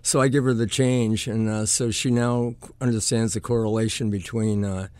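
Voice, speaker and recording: A man's voice: fairly low pitch, flat delivery, normal speed, darkish tone, clean tone, no room sound. A middle-aged man, a newspaper columnist, chatting casually as a guest in a radio studio, rambling with fillers and restarts. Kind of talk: casual on-air chat.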